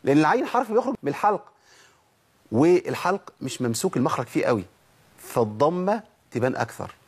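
A man with an Egyptian Arabic accent teaching Quran recitation, explaining letter sounds step by step and demonstrating them slowly. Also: on the high side, very animated, husky. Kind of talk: tajweed lesson.

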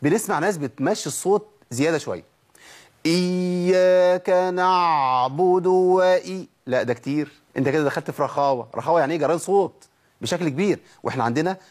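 A man with an Egyptian Arabic accent teaching Quran recitation, explaining letter sounds step by step and demonstrating them slowly. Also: fairly high pitch, animated, a little mellow, husky. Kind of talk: tajweed lesson.

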